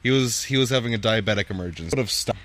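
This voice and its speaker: A man hosts a podcast in easygoing conversation, his voice sitting on the low side. He rambles and restarts sentences as he talks. He is recorded outdoors on a patio. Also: very fast, fairly bright tone, no room sound. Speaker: podcast host. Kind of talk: casual chat.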